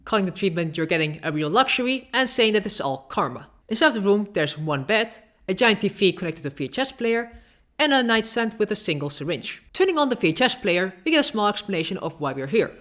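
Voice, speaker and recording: A woman's voice: medium pitch, sing-song, brisk, a bit bright. A woman narrating a casual video essay with sarcastic, offhand asides.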